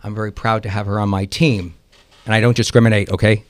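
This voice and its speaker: A man's voice: fairly low pitch, level tone, quick pace, no echo. A man, an attorney, chatting casually in a radio interview, rambling with frequent ums and laughs.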